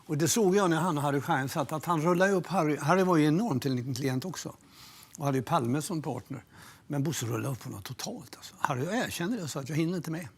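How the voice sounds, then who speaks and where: An older film producer looks back on his career in a documentary interview, his voice on the high side with a breathy edge. He's a lively storyteller who swears freely and acts out what other people said.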